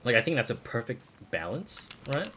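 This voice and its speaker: A man streaming in a casual, opinionated, sweary style with animated delivery. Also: medium pitch, normal speed, background noise. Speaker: streamer reviewing game voice dubs.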